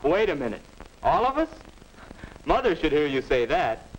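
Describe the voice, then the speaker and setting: A man's voice: fairly high pitch, big pitch swings, moderate pace. A young male actor playing a restless, skeptical teenage boy, earnest and questioning, in a 1950s educational film. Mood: puzzled, curious. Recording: noisy 1950s film soundtrack.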